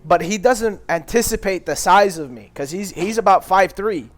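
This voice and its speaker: A young man co-hosting a casual podcast, telling a rambling, profane story and loudly acting out the people he quotes. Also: high voice, animated, normal speed, noisy background. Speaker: podcast co-host.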